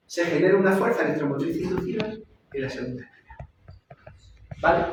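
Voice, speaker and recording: A man's voice: high-pitched, a little hiss or hum. Lecturing man, far off in an echoey room. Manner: repeats and checks understanding with "¿vale?". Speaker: university lecturer. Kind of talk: classroom lecture.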